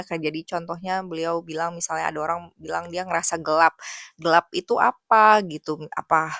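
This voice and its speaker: Young woman, lowish voice, reflective casual monologue, hesitant and gentle, dry close sound. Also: no echo. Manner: soft-spoken, thoughtful, many fillers. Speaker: English teacher and vlogger.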